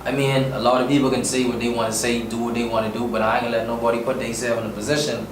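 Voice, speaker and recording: A Bahamian-accented male musician speaks rapid-fire in a casual interview, his medium-pitched voice showing little pitch movement. He is earnest and emphatic, drops slang, and the recording comes from a distant mic in an echoey room with faint noise.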